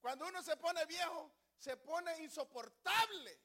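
An older male pastor delivers a sermon in a high, bright, forceful voice. He swings between shouted praise and quiet, confiding asides, slipping into small acted-out voices. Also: a little slow.

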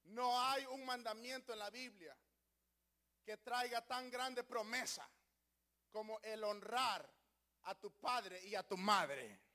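High, bright-voiced older preacher. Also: male voice, slow. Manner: swings from shouting to hushed asides, acts out voices. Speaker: pastor. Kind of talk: sermon.

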